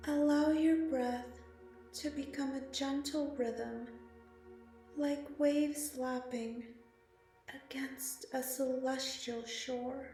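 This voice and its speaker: A woman speaking slowly and softly with long pauses, guiding a meditation. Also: high-pitched, steady tone. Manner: slow, soft and soothing, with long pauses. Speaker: meditation guide. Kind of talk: guided meditation narration. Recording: very echoey, slightly distant, music behind. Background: meditation music and singing bowl.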